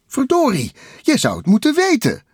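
A man voicing a goofy, excitable male tow truck who hollers in a folksy way. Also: very high voice, moderate pace, breathy edge, no echo, studio quality, pitched above the performer's own voice, exaggerated voice. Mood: gleeful. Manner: hollering, folksy, breathless glee.

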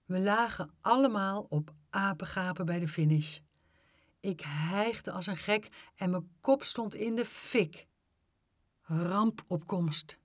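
Female storyteller for a children's book: slow, expressive reading, dry close sound. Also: no room sound. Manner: unhurried expressive reading, lively pitch on exclamations.

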